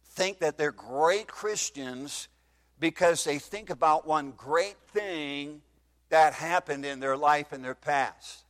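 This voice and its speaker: This is a preacher in his fifties whose voice is a little high and a bit bright. Through a microphone in a church hall with light echo, he reads King James-style scripture and puts questions to those gathered.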